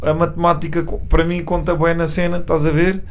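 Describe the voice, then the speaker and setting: Homem jovem de sotaque português, descontraído. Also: male voice, a little high, brisk. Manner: relaxed, rambling, heavy slang fillers. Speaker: guest rapper. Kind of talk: casual podcast chat.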